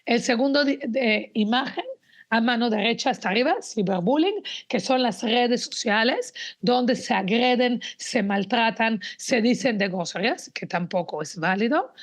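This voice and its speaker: A woman's voice: a little high, moderate pace. A woman, giving an earnest, explanatory talk to teachers and parents and addressing the audience directly. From Mexico. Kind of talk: spoken presentation about images on slides.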